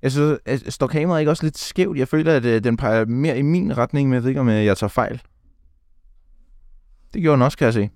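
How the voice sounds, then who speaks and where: A man's voice: mid-range voice, darkish tone, dry recording, studio quality. A young man co-hosting a podcast in casual chat, blunt and teasing with his friend. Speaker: podcast co-host.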